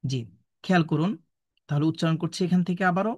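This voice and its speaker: A man's voice: on the high side, fast, no echo, dull audio. A man teaching Quran recitation in an online lesson. He patiently drills syllables one at a time and corrects common pronunciation mistakes.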